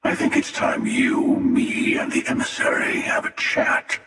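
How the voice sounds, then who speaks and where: A man voicing a smug, menacing, world-weary hunter from a video game, with a breathy rasp and sardonic, deliberate delivery. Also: a bit bright, faint music behind. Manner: sardonic, deliberate, drawling taunts. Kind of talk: video game character voice acting. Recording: echoing, long reverb, distant.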